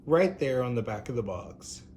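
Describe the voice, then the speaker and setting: A man with a medium-pitched, expressive, darkish voice hosts an unscripted doll review at a moderate pace, gushing effusively in a campy drag-queen style. There's slight background noise.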